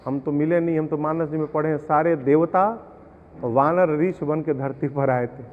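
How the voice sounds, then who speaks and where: Male devotional storyteller with a high voice, explains verses through parables, heard as tinny audio from a reverberant hall. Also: fairly even intonation, normal speed, slight background noise. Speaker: Ramayana storyteller. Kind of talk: devotional discourse with sung verses.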